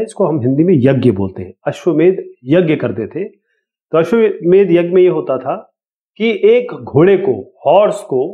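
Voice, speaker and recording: A man explaining an exam lesson to students in a casual, explanatory way, reading questions out slowly. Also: on the high side. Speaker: teacher. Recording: tinny, phone-like sound.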